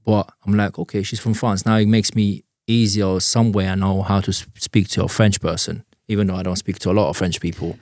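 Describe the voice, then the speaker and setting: A man's voice: low-pitched, flat delivery, fairly quick, few pauses, a little mellow, no room sound, clean studio sound. A man hosting an interview, asking probing, direct questions in a conversational way. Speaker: host.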